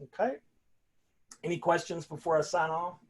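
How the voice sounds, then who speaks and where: A man's voice: a little high, steady tone, moderate pace. An older man, a college philosophy instructor talking casually to his class over a video call, folksy and rambling, often restarting his sentences.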